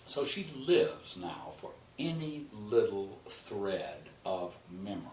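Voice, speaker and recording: A man who directs an opera company, retelling an opera's plot in an interview with expressive storytelling that slows on key images. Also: sits low. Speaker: opera general and artistic director. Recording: echoey room, distant mic, noisy.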